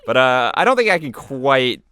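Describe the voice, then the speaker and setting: An American creator and voice actor from the United States speaks in a medium-pitched, sing-song voice that sounds pushed and bright, at normal speed. He gives casual, rambling, self-deprecating commentary on his own video.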